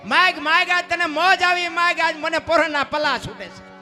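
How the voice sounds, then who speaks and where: Guy putting on a proud bossy conqueror king, loud and high, booming commands, music going behind. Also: fairly even intonation, normal speed, exaggerated voice. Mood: commanding. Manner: booming, imperious calls.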